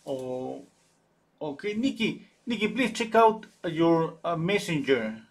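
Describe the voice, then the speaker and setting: A man's voice: fairly high pitch, very animated, takes it slowly. A man hosting a live oil-painting stream. He thinks aloud while he paints, answers viewers' chat, and often restarts his sentences. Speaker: painting livestream host.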